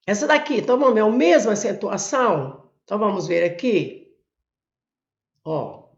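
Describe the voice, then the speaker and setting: A Brazilian woman teacher walks through exam questions one step at a time. She often says "ó" and "olha" as she points at the board, and her pitch moves up and down a lot. The recording is echoey and sounds dull and lo-fi. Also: expressive, normal speed, gravelly. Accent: Brazilian Portuguese. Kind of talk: exam prep lesson, working through questions.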